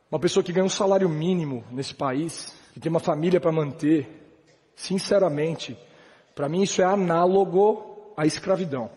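A man from Brazil delivers a motivational talk at a rapid clip, his voice sitting high for a man. He speaks emphatically and conversationally, throwing in slangy asides. The sound carries a long reverb from the large hall he speaks in. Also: darkish tone. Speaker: motivational speaker at a business event. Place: large hall with a live audience.

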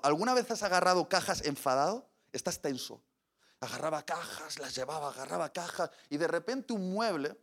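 Forceful, bright-voiced preacher. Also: male voice, a little high. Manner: animated storytelling, acting out scenes and voices. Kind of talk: sermon.

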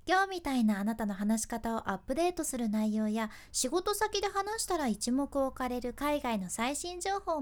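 A woman with a Hakata accent and a notably high voice. She talks like a seasoned radio announcer hosting her own podcast, giving advice in a chatty way full of lively asides. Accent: Hakata dialect. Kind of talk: casual spoken advice podcast.

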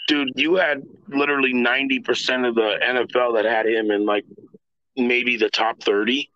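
A man's voice: mid-range voice, fairly even intonation, normal speed, bright, forceful tone, dry recording, dull audio. A man co-hosting a casual sports podcast, talking bluntly in a loose, rambling way. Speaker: podcast co-host.

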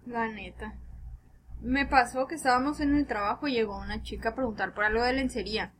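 Mexican woman, high voice, laughing podcast co-host, crude animated storyteller. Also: brisk, slight background noise. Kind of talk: casual storytelling.

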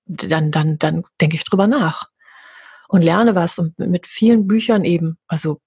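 Breathy woman, earnest and animated. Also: on the low side, a little slow, no echo, clean studio sound. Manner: earnest, animated, acts out quoted voices. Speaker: interview guest, hypnosis practitioner. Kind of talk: candid conversational interview.

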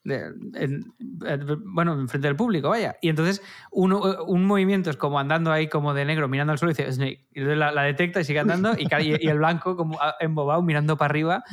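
A man's voice: fairly high pitch, fast, hardly any pauses. A man, a comedian chatting enthusiastically on a podcast. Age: 30s. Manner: enthusiastic, animated storytelling. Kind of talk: casual podcast chat.

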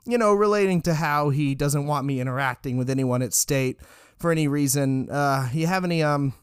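A man's voice: on the high side, fairly quick, smooth, no room sound, clean studio sound, close to an everyday voice. A man voicing a shy, eager young male student who talks hesitantly with many fillers. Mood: unsure.

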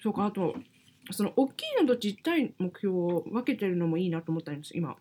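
A woman around thirty co-hosting a casual podcast, reacting with laughter and quick, animated asides. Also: on the low side, slight background noise. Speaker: podcast co-host. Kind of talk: casual chat.

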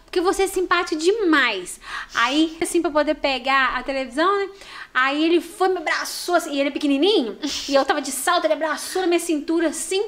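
A woman with a Brazilian Portuguese accent from Minas Gerais, a store manager chatting casually on a podcast and telling lively stories. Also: sits high, fast talker. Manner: animated storyteller, warm and expressive.

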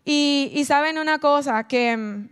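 A woman, animated as she tells a personal testimony and speaks straight to her audience. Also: sits high, takes it slowly. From Colombia. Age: adult, mother of a child. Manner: animated storytelling, addresses the audience directly. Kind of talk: emotional personal testimony talk.

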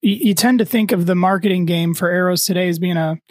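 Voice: mid-range voice, fast, dry recording, studio quality. An interviewer chatting casually and asking questions. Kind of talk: casual chat.

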